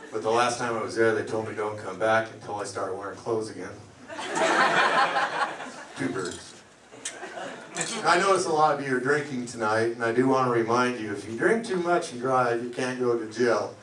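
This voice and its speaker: A middle-aged man doing a stand-up comedy set, delivering deadpan one-liners. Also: medium pitch, normal speed, long pauses, recorded from a distance. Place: comedy club lounge. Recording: echoey club, mic heard from afar, loud noise. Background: audience laughter.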